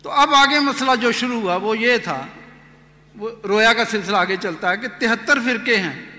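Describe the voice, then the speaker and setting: A man giving an earnest personal testimony, retelling events with animated quoted dialogue. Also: high voice. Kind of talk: storytelling testimony. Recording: echoey hall reverb.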